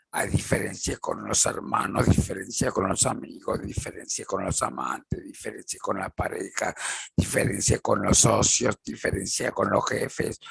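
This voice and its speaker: A man giving a measured lecture, repeating points and acting out example phrases. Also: fairly low pitch, vocal fry, breathy edge, no room sound, poor audio. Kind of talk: slow explanatory lecture with acted examples.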